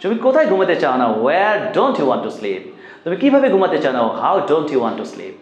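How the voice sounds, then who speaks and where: A man's voice: on the high side, huge pitch swings, normal speed, reverberant, dull audio. A man with a Bangladeshi accent, a native Bengali speaker teaching a spoken English lesson, drilling translations and pleading earnestly with many "uh" fillers.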